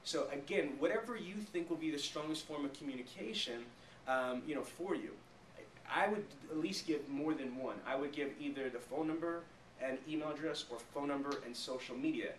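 At normal speed and slightly high pitch, a man in his thirties gives an emphatic sales training talk to a small group, often pausing for rhetorical check questions. He's in a small meeting room with a flip chart. Because the camera mic is a few metres away, the room sounds echoey and distant, with faint noise.

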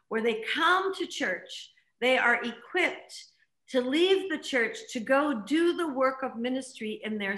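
A woman's voice: sits high, pushed and bright. A middle-aged woman hosting an online interview from her living room, chatty and enthusiastic with many fillers. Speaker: host. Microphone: video call. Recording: echoey room.

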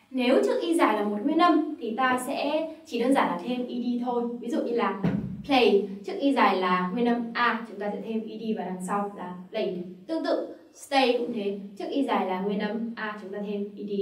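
A woman's voice: fairly high pitch, distant mic. Vietnamese-accented woman teaching grammar, roomy sound. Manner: patient, step-by-step explaining with repeated examples. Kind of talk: classroom-style grammar lesson.

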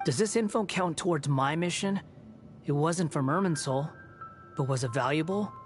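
A man's voice: on the high side, close to an everyday voice. Man voicing aloof, sardonic young Scaramouche, game music behind. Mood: cool, sardonic. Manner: cool, sardonic, deliberate. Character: aloof, cynical young man, proud former villain. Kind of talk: video game dialogue acting.

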